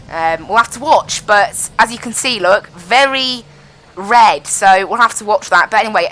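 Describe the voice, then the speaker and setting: A woman's voice: medium pitch, sharp tone, a little hiss or hum, poor audio. Chatty woman sim pilot on a cockpit headset. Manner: chatty, explains as she flies, repeats "I have to be honest". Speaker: flight sim pilot and streamer. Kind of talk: casual live-stream commentary over a cockpit headset.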